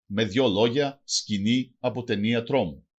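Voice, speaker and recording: A man's voice: medium pitch, slightly rough, highs cut off. A man with a Greek accent reading a language lesson aloud, saying phrases one by one and then translating each. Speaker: language teacher.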